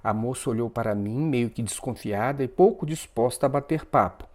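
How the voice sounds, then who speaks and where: A man narrating a first-person story in an expressive, dramatic way. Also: mid-range voice, moderate pace.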